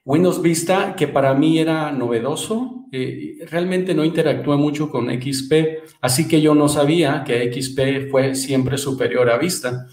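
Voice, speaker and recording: A man's voice: a little high, unhurried, few pauses, darkish tone, roomy sound, rough recording. A man in his thirties, from Mexico, chatting as a podcast guest and often repeating words as he starts a thought. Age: 30s. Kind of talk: casual interview chat.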